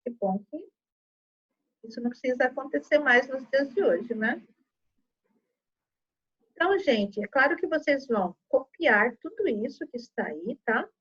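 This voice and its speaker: A woman's voice: high-pitched, lively intonation, unhurried, long pauses, a bit bright, slightly rough, lo-fi sound. A woman teaching children a lesson, patiently explaining step by step and checking in often. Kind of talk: online Portuguese lesson for children.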